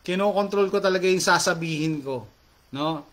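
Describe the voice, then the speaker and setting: A talkative middle-aged man hosts a casual chat with his viewers, reading their comments aloud. His voice sits slightly higher than most men's. He switches freely between Tagalog and English phrases, leaning on fillers as he talks. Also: normal speed, fairly bright tone.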